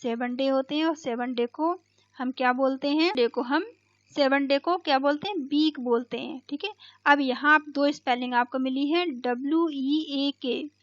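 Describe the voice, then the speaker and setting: A woman teacher explaining an English lesson in Hindi. She reads English lines slowly and keeps checking in with "ठीक है". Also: high voice, no echo. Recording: dull, lo-fi recording.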